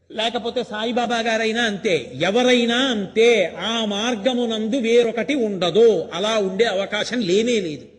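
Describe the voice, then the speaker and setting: An older man gives a spiritual discourse in a high, ringing voice. He tells stories and drives his points home with emphatic rhetorical questions. His voice carries a long reverb from the hall around him. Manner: storytelling, emphatic and rhetorical, acting out quoted lines. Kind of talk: Telugu religious discourse.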